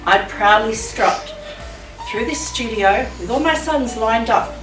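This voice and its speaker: A woman's voice: a little high, takes it slowly. A middle-aged woman performing a dramatic spoken monologue on stage as a mother telling her story. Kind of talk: staged spoken-word monologue over music. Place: large hall at a live show. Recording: echoey hall, distant mic, music behind.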